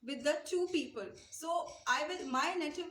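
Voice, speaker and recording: A young Pakistani woman with a Pakistani accent gives an earnest English-speaking lesson straight to camera, repeating her points and gesturing with her hands. Her voice is high-pitched and a bit bright at a normal speed, echoing in a small indoor room with a light wall behind her.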